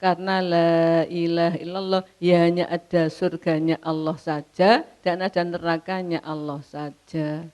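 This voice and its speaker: An older woman with a Javanese accent giving a religious lecture, answering a question in an animated way and reciting verses slowly. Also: lowish voice. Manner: animated, mixes in local dialect, laughs, recites verses slowly. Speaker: preacher.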